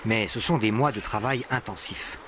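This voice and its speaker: A man's voice: on the low side, normal speed, very noisy. A man reading scripted narration for a nature documentary. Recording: animal and bird sounds behind. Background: birdsong and natural ambience.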